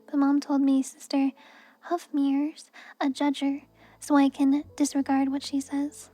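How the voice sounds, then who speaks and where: Soft high-voiced woman reading aloud. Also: a little slow. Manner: soft, even reading voice with brief laughs at the text. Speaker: streamer reading a book aloud.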